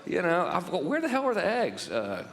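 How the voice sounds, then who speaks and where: A man's voice: sits high, huge pitch swings, normal speed, creaky, big-room sound, heavy background noise. A man presenting at a marketing workshop in a loose, jokey and profane way, laughing at his own gags. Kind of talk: joking seminar talk. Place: event room stage.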